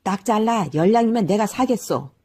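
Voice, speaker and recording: A woman's voice: mid-range voice, animated, moderate pace, warm tone, pitched above the performer's own voice, close to an everyday voice. A woman voicing a shrewd farmer man haggling over the price of an ox in a raised voice.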